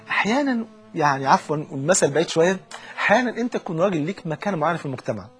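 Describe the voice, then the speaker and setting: A man with an Egyptian Arabic accent preaching a colloquial sermon and telling stories animatedly, acting out the dialogue. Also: on the high side.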